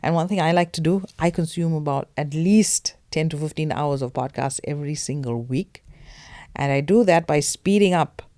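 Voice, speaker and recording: A woman's voice: low-pitched, normal speed, mellow, no echo. Woman podcast host with Durban Indian accent. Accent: Durban Indian English. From South Africa. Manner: emphatic, direct address to listeners with rhetorical questions. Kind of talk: conversational financial podcast presenting.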